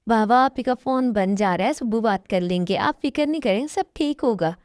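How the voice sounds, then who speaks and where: A woman voicing a gentle, reassuring young daughter in a fan dub. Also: a little high, moderate pace, natural voice. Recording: music in background.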